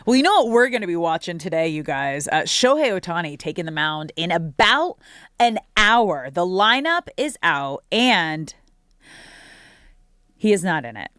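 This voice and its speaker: An American woman hosts a casual sports talk show. She speaks in a conversational, emphatic way with a slightly low voice, captured dry and close. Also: very animated, normal speed, fairly bright tone, no echo. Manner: conversational, emphatic, addresses listeners as you guys. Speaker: sports radio host.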